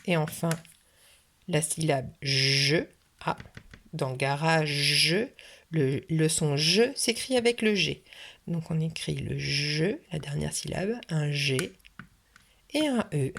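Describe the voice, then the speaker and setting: A woman's voice: low voice, expressive, takes it slowly, vocal fry, a little hiss or hum. A woman teaching a video phonics lesson for young children, patiently sounding out each syllable. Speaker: kindergarten teacher. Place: French classroom or home, recorded for video.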